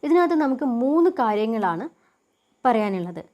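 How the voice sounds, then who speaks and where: A young woman teaching a lesson. She poses questions and answers them herself, and reads English definitions out slowly. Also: on the high side, sing-song, a little mellow. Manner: asks and answers her own questions. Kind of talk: lecture explaining a topic.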